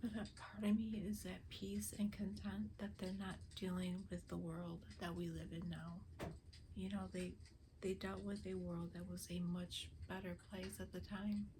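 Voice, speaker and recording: A woman's voice: on the low side, flat delivery, normal speed, background noise. Older woman whispering to spirits. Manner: hushed, often whispering, pleading; emotional, earnest. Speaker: spirit box medium. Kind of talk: spirit box session vlog.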